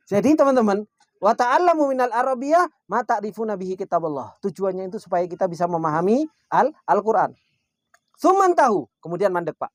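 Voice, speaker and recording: A man teaching a religious study class. He asks rhetorical questions and answers them himself, and he slows down for Arabic quotes. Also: high voice, very animated, no echo, studio quality. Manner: keeps addressing listeners as "Pak"; slows down when reciting Arabic quotations. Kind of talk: Islamic study lecture.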